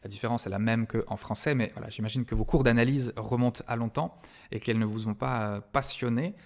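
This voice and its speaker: A male university lecturer giving a recorded grammar lesson, patient and explanatory, often hesitating with fillers and slowing down to stress key words. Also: medium pitch, steady tone, darkish tone.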